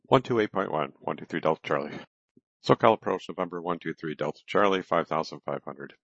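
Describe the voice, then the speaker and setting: A man with an extremely low, deep voice talks over a cockpit headset radio, clipping through standard aviation calls and readbacks. The sound is dull and lo-fi, very dry and close, like a transmission from the cockpit. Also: animated, brisk, creaky, fairly bright tone, dry recording. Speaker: private pilot. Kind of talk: radio calls to air traffic control. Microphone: headset microphone.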